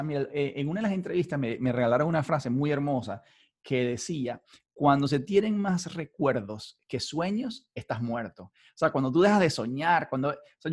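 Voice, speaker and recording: Venezuelan guy interviewing, kinda high voice, animated, stumbles on repeats. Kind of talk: conversational interview.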